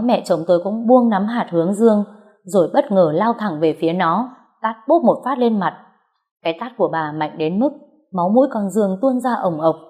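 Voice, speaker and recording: A woman reads a first-person story aloud at a steady pace. Her voice sits on the low side and sounds warm and mellow. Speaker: narrator.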